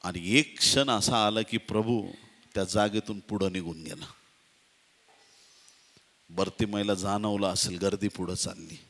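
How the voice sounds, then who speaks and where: A man preaching a sermon, dramatizing scenes and swinging from hushed asides to shouting. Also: on the low side, steady tone, measured pace, long pauses. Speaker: pastor. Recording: long hall reverb.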